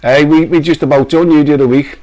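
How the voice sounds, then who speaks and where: A man's voice: a little high, fairly even intonation, fast talker, dark tone. Jokey laughing man hosting a stream. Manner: jokey, laughs often, teasing. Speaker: live stream host. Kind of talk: casual live-stream banter.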